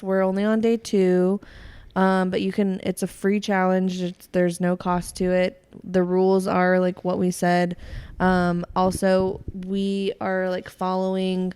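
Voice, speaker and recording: A woman's voice: mid-range voice, a little mellow, smooth. A young woman co-hosting a podcast in casual chat, giggly and full of fillers. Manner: chatty, giggly, trails off with fillers. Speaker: podcast co-host.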